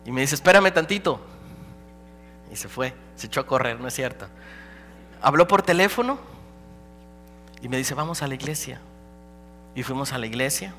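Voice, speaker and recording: A man preaching a dramatic personal testimony as a pastor, swinging between loud and hushed. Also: mid-range voice, lively intonation, normal speed, long pauses, soft background music. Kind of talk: sermon testimony. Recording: live hall recording with reverb and hum.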